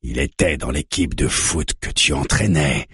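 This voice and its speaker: A man's voice: very deep voice, a little slow, a bit bright, breathy edge, no room sound, clean studio sound, heavily acted. A man voicing a frightened, apologetic old man who pleads. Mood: pleading.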